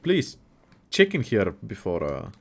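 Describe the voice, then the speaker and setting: His husky, fairly low voice swings hugely in pitch while he keeps a measured pace. This young Bulgarian, a native Bulgarian speaker, hosts a casual livestream, reading messages from the chat and joking around as he reacts.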